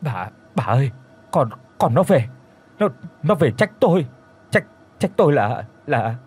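Man doing a scared stammering dad, husky voice, horror audiobook. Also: medium pitch, animated, a little fast, darkish tone, soft background music. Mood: frightened. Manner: stammering, shaken. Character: terrified middle-aged father, stammering.

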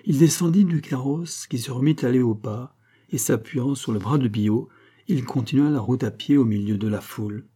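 Warm, husky male audiobook narrator. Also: mid-range voice, moderate pace. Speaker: audiobook reader. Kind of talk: scripted narration of a classic novel.

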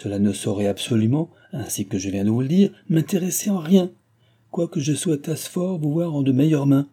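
A man's voice: fairly high pitch, lively intonation, fairly quick, mellow, husky, pitched above the performer's own voice. Man doing a haughty aristocratic guardian. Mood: haughty, lecturing. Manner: haughty, lecturing.

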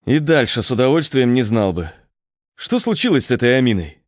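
A man's voice: mid-range voice, sing-song, a little fast, no room sound, pitched above the performer's own voice. A man voicing a wary, sardonic young man who talks in a dry, skeptical way.

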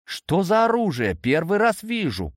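Man playing a hyperactive young elf girl, chatty, high and bouncy, close dry sound. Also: no echo, heavily acted. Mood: curious. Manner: lively, talkative, quick to question. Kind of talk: audiobook character voice.

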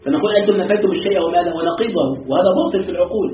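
A man's voice: high voice, very fast. A man teaching a religious lesson, chanting verses and asking his students rhetorical questions. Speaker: sheikh teaching Quran commentary. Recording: echoey, distant, phone-like lo-fi.

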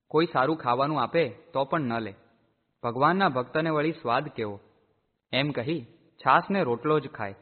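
Man reading out a religious storybook, slow steady delivery, sounds echoey and tinny like a phone call. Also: medium pitch. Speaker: narrator.

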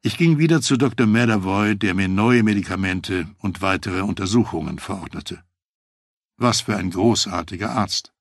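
Man reading a memoir audiobook, low and gravelly, measured, close dry sound. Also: no room sound. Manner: measured, reflective storytelling. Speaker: audiobook narrator. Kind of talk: first-person memoir narration.

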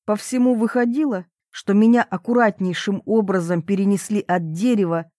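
A woman's voice: medium pitch, moderate pace, dry recording, clean studio sound. Woman reading an audiobook with wry liveliness. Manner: wry, lively first-person storytelling. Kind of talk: audiobook narration.

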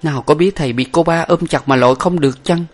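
A gentle young woman in a storybook, voiced by a male narrator, speaking in a raised but soft voice. Her is plain. She talks quietly and earnestly. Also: on the high side, fast, pitched above the performer's own voice, lightly acted. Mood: worried.

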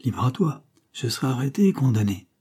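A man's voice: medium pitch, very animated, fairly quick, dark tone, breathy edge. A man voicing a cynical, scheming male viscount who was once a tenor and speaks in curt commands. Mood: cold.

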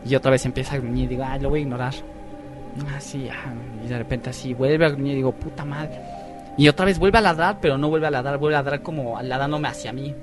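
A man's voice: medium pitch, quick pace, few pauses, over music. A young man telling a spooky personal story in casual, profane chat with friends on a podcast, acting out quotes as he goes. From Mexico. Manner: slangy, profane, animated retelling with voiced quotes. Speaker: podcast host.

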